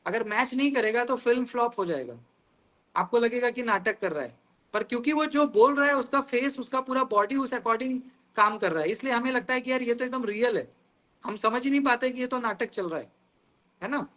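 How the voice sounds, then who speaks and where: A male teacher delivers a lecture in a high, bright voice. He explains each idea through everyday examples and keeps turning to the class with questions. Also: brisk. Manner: explains with everyday examples, often asks "guys".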